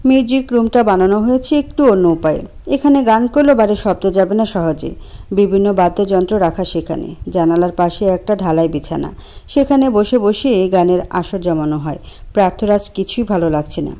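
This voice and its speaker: A woman narrating a sad romance story in a steady, emotive reading style. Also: medium pitch, normal speed.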